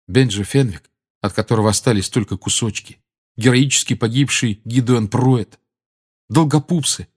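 A man reading a fantasy novel aloud, dramatic and expressive. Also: mid-range voice, breathy edge. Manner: dramatic, rising and dropping with the tension. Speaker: audiobook narrator. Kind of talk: expressive audiobook narration.

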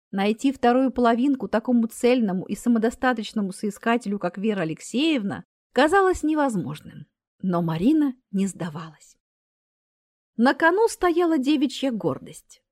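Wry lively storyteller, woman, high voice, dry close sound. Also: dry recording. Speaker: narrator. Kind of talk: storytelling narration.

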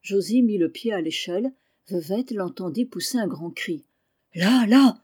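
A woman reading a novel aloud in measured, expressive narration. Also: medium pitch, slightly rough. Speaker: audiobook reader.

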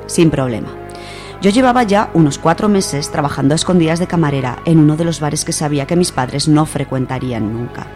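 With a low, slightly mellow voice, a woman with an accent from Spain talks on a literary radio segment and reads aloud a first-person short story.

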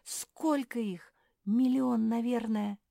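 A woman's voice: mid-range voice, animated, unhurried, a little mellow, no echo, clean studio sound, pitched above the performer's own voice, close to an everyday voice. A woman voicing a timid, nervous female animal in a storybook reading.

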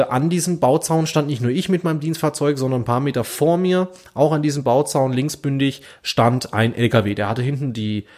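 A man telling everyday work anecdotes in casual chat, lively and full of fillers. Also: medium pitch. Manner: lively anecdotal, with many fillers and acted dialogue. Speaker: podcast co-host telling anecdotes. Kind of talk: casual storytelling.

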